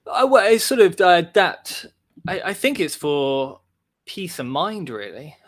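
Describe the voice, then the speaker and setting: A man's voice: fairly high pitch, very animated, unhurried. A man talking as a guest on a podcast over a call, reflective and rambling, saying "sort of" often. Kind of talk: casual podcast interview. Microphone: remote call.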